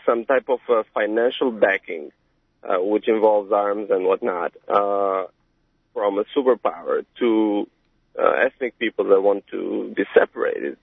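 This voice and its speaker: A man from Albania calling into a radio show, speaking haltingly with many fillers. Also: fairly low pitch, no echo. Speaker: caller. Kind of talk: call-in radio talk. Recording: tinny phone line on the radio.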